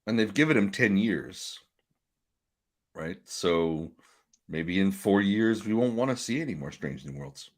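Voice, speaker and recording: A man co-hosting a casual podcast discussion, retelling scenes with lively quoted voices. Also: sits low, measured pace. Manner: animated storyteller, acts out scenes in quoted voices. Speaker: podcast co-host. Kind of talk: casual chat.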